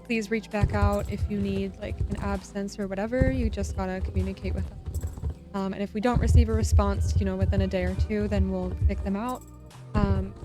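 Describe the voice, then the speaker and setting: Young woman host, casual commentary, laid-back and direct, music behind. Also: medium pitch. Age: young adult. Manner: relaxed, direct advice-giving. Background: background music.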